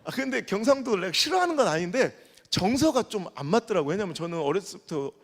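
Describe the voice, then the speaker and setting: A middle-aged male pastor preaching a revival sermon, telling lively stories and swinging from quiet asides to loud bursts. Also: sits high, quick pace. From Korea. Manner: animated storytelling, acts out dialect dialogue, swings from soft to loud. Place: large church sanctuary. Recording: long church hall reverb.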